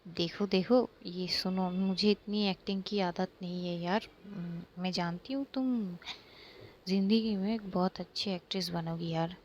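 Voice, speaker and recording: A woman voicing a sarcastic, angry young college woman who mocks a confession, speaking slowly. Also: lowish voice, steady tone, a little mellow, dull audio, a little hiss or hum, lightly acted. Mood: mocking. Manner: mocking, scornful.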